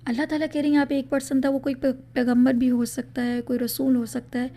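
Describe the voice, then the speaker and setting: A woman teaching Quran recitation rules in a podcast lesson, explaining patiently and reciting example words slowly, mixing English words into her talk. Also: high voice, little pitch movement, dark tone. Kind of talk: spoken tajweed lesson in a podcast.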